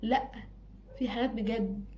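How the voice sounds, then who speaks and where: A woman's voice: a little high, steady tone, moderate pace, dark tone, highs cut off, a little hiss or hum. A woman with an Egyptian Arabic accent giving casual advice straight to her own camera, emphatic and repeating phrases for stress. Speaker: advice vlogger. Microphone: self-filmed camera.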